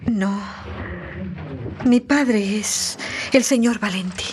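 Radio drama: a tender young mother, unhurried and halting. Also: mid-range voice, noisy background. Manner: tender, hesitant, repeating words. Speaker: mother character.

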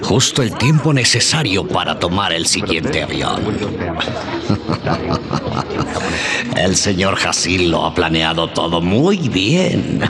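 An actor playing a smug, scheming criminal in a radio adventure drama, with a mocking, gloating manner. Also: male voice, deep voice, big pitch swings, a crowd in the background, exaggerated voice. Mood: pleased, scheming. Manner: slow, gloating, mocking, chuckles to himself. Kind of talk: old-style radio adventure drama acting. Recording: loud dramatic music behind the voice.

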